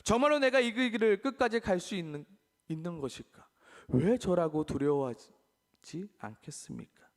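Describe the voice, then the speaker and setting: A man preaching a sermon as pastor, animated, acting out the voices he quotes. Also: high voice, normal speed. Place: living in Australia. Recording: long hall reverb.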